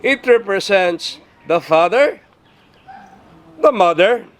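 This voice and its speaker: A man's voice: high voice, expressive, takes it slowly, low-quality recording. A man from the Philippines leading a town tour, telling its history and mixing Tagalog into his English. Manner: storytelling, mixes Tagalog and English. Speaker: tour guide. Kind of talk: guided tour talk.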